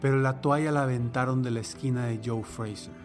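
A man hosting a motivational podcast, telling stories in an emphatic motivational-speech style with dramatic pauses. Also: medium pitch, fairly even intonation, over music.

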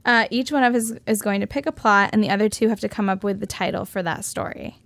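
Gravelly-voiced woman co-hosting a podcast. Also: medium pitch, dry recording. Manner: explains the game, quick quips. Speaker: podcast co-host. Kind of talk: casual podcast chat.

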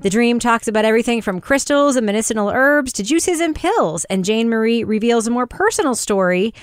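A woman's voice: a little high, expressive, brisk, clean tone, no echo, studio quality, faint music behind. A woman hosting a review podcast, moving between prepared introductions and blunt, sweary, informal chat. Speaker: podcast host. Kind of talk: casual review podcast, partly scripted introductions.

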